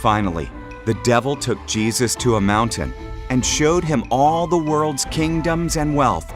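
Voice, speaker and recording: A man narrating a Bible story in a measured, expressive storytelling voice. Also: medium pitch. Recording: narration over clear music.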